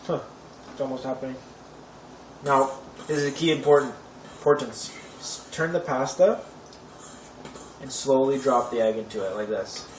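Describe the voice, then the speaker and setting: A man's voice: medium pitch, moderate pace, pauses often. A young man hosting a home cooking tutorial, chatty and offhand with wry asides. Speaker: cooking show host. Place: home kitchen. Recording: echoey kitchen, distant camera mic, noisy. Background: clattering pots and cutlery.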